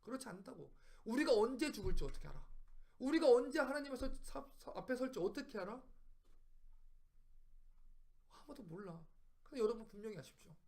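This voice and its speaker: Bible study teacher, male, very high voice, emphatic and repetitive, keeps asking the room questions. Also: very animated, fairly quick, pauses often, darkish tone. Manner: emphatic, fires rhetorical questions at listeners; repeats phrases for emphasis. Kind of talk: preaching Bible study lesson.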